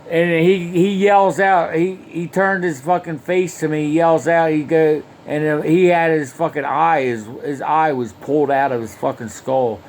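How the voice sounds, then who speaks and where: A man's voice: a little high, steady tone, a little slow, few pauses, a little mellow, a little hiss or hum. A man telling a rambling first-person story, swearing constantly and restarting his sentences again and again. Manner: heavily profane, rambling, with frequent restarts and fillers.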